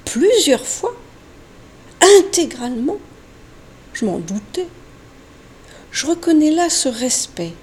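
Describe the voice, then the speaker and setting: A woman giving a slow, deliberate sound poetry recitation, halting with long pauses and now and then dropping to a whisper. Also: sits high, warm tone, husky. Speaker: poetry reader.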